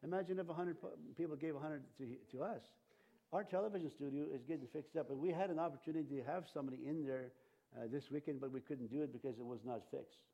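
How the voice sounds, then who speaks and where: The sermon comes from a Canadian man preaching to his church, whose first languages were Cree and Ojibwe; he wanders, using many fillers and restarts. His fairly high voice is warm and fast, captured on a muffled recording.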